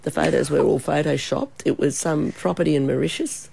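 Croaky, husky Australian woman with a cold. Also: sits low, steady tone, fairly quick, warm tone. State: hoarse from a cold and sore throat. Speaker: travel expert guest. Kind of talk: chatty radio interview.

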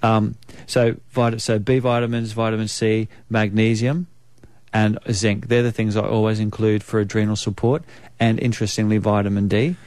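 A man with a New Zealand accent speaking as a naturopath guest, explaining in a measured way with frequent ums. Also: lowish voice, level tone, darkish tone, no echo. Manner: measured, explanatory, many um fillers. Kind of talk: conversational expert interview.

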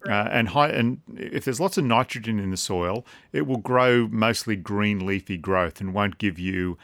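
A man's voice: on the low side, moderate pace, fairly bright tone, no room sound. An Australian man chatting casually and informally as a gardening expert on a radio call-in. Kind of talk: casual advice chat.

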